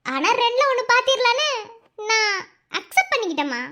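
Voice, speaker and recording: A woman's voice: extremely high pitch, very animated, fairly quick, pushed and bright, heavily acted. A tender young orphan woman. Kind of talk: animated cartoon dialogue.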